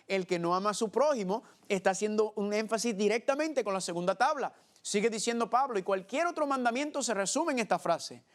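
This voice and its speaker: A man preaching a Bible teaching sermon, asking his listeners rhetorical questions and answering them himself, and often calling them family. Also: sits high. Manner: keeps addressing listeners as family.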